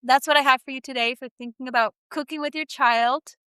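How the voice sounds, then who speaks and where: A woman's voice: high-pitched, a little fast, smooth, no echo. A woman feeding therapist giving encouraging, practical advice to parents in a solo talk. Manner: warm, encouraging, animated teaching.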